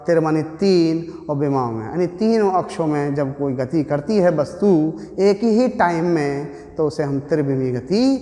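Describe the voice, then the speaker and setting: A man's voice: on the high side, expressive, normal speed, hardly any pauses, warm tone. A man with a Hindi accent teaching a physics lesson at a board, explaining step by step and answering his own questions. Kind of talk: classroom physics lecture at a board. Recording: echoey room with long reverb.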